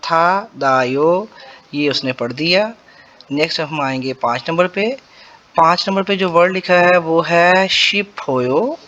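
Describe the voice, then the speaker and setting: A man's voice: fairly high pitch, bright, forceful tone, highs cut off. Patient man teaching Korean pronunciation. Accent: Punjabi-accented Urdu. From Pakistan. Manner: patient, repeats sounds slowly syllable by syllable. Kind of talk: explaining Korean pronunciation to beginners.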